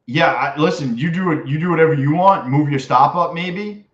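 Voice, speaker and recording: A man livestreaming in a casual, slangy, excitable frat bro manner as he chats with viewers. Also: fairly high pitch, normal speed. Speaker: livestream host, day trader. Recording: dull lo-fi mic in echoey room.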